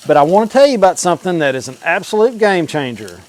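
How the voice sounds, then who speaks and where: A man hosts a home cooking vlog, chatting to the camera in a casual, folksy, informal way while food sizzles clearly on a grill. His voice is high-pitched, very animated, quick and a little mellow.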